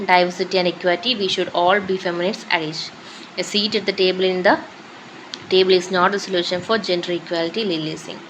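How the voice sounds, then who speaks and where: A woman with a Malayali accent reads a syllabus aloud, topic by topic, at a very slow and deliberate pace. Her voice sits a little low, and she mixes English and Malayalam between the items. Faint noise hums behind her. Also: fairly bright tone, poor audio. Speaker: teacher going through a syllabus. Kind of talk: reading out a course syllabus.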